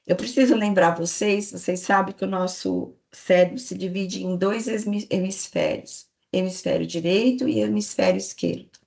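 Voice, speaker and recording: A woman's voice: medium pitch, steady tone, normal speed, creaky, darkish tone. A woman giving a lecture to a live audience, explaining patiently and checking in with the listeners. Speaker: speaker giving a parenting talk to staff.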